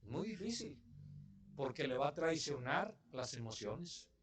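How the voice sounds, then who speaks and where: A man's voice: fairly high pitch, big pitch swings, unhurried, crowd noise. Mexican pastor preaching to his church. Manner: conversational preaching, asks the congregation questions. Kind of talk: sermon.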